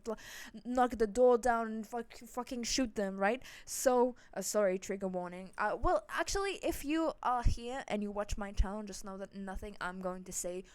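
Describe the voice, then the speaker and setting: A young woman rambles through a storytime vlog, swearing freely and restarting her sentences. Her pitch and loudness jump around dramatically, and she sits in mid range. The sound is close and dry, with no room echo. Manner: rambling, swears a lot, many fillers and restarts. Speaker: vlogger. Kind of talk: casual storytime monologue.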